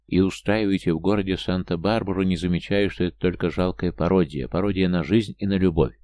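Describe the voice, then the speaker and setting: A man's voice: sits low, fairly even intonation, brisk, a little mellow, lightly acted. A man voicing a bitter, embittered former policeman in an audiobook, harsh and accusing. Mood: bitter ranting. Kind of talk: audiobook character voice.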